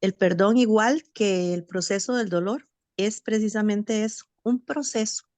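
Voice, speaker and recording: Woman giving a halting, reflective testimony. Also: mid-range voice, a little mellow, no room sound. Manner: reflective, halting, with many fillers. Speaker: bereaved mother sharing in a support session. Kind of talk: personal testimony. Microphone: video call, camera off.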